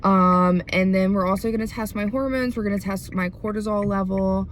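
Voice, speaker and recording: A woman's voice: mid-range voice, steady tone, moderate pace, slight background noise. A young woman talking candidly to camera in a casual vlog, chatty and full of likes. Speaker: vlogger.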